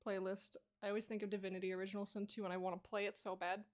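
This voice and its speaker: A woman's voice: mid-range voice, level tone, racing. A woman art streamer chatting casually and playfully while she draws, joking and laughing with her viewers. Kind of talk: casual chat while drawing.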